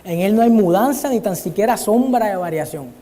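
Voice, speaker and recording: His voice is high-pitched, expressive and dark in tone, moving a little fast as he earnestly preaches a Bible study sermon in a church hall. He frequently calls his listeners brother, and the audio has a long church-hall reverb.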